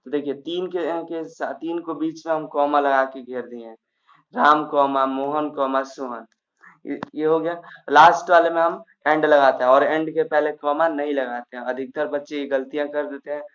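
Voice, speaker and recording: A man teaching a grammar class, walking through each point step by step, often pausing on fillers and starting over. His voice sits a little high. The recording sounds dull and lo-fi. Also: fairly even intonation, fairly bright tone. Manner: explains step by step with frequent fillers and restarts.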